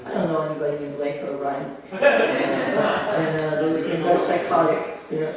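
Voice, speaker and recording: A man's voice: fairly high pitch, fairly even intonation, measured pace, crowd noise. A man hosting an open mic, telling a story in a loose, rambling way full of fillers. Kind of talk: live stand-up storytelling. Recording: echoey venue, mic at a distance, faint noise.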